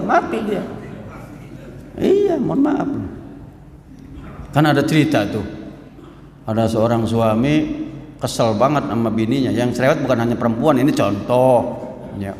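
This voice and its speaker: A man's voice: on the high side, a little hiss or hum. A man giving a hadith study sermon in a mosque. He talks in a joking, conversational way and reads Arabic lines before explaining them. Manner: jokey, conversational, quotes Arabic then explains. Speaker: preacher. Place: mosque hall. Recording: echoey hall with faint ambience.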